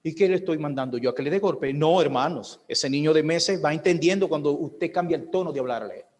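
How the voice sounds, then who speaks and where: Male pastor, slightly high voice, preaching a sermon in a hall with long echo. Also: fairly quick, darkish tone. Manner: preaching with rhetorical questions, acting out a baby's and a mother's voices. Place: church hall.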